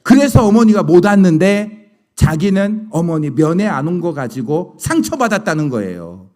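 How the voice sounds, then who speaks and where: Middle-aged male pastor, sermon storyteller, high and very animated delivery. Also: normal speed. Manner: animated storytelling, rhetorical questions to the congregation.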